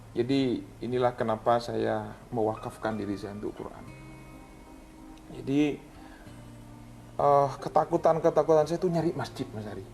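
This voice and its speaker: A man who is an Islamic preacher, giving an earnest spiritual testimony in an interview, pleading and moving between hushed and raised speech. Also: mid-range voice.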